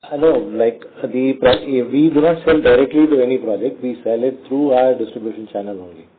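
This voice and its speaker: An Indian company executive with a mid-range voice answers analyst questions on an earnings call, heard over a tinny conference call phone line with slight background noise. His phrasing is halting, measured and hesitant, with frequent pauses.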